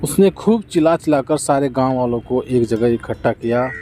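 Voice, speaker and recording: A man narrating a children's folk tale in a gentle, steady scripted storytelling manner. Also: mid-range voice, moderate pace, slight background noise.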